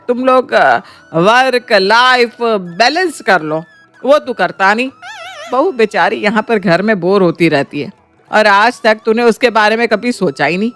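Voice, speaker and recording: A woman's voice: on the high side, fairly bright tone. Woman voicing a kind mother-in-law. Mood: scolding. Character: kind-hearted middle-aged mother-in-law. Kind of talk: cartoon voice acting.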